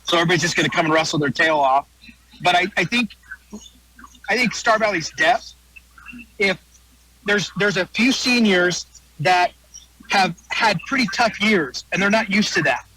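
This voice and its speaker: High, bright-voiced American man, folksy sports talk. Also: normal speed, long pauses, dry recording, low-quality recording. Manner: folksy, repeats phrases for emphasis. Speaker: wrestling announcer and guest analyst. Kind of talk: casual sports preview interview.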